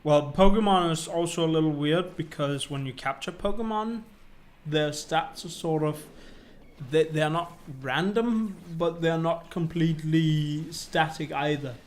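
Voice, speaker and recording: A man's voice: on the high side, measured pace, a little hiss or hum. A man co-hosting a podcast, patiently explaining details in casual chat, with some stammered restarts. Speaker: podcast co-host.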